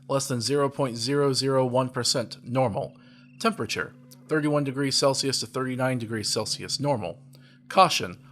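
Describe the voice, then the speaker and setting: A man voicing a shelter computer terminal as it boots up, reading status lines in a flat, machine-like way. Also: medium pitch, lightly acted. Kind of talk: video game terminal voice.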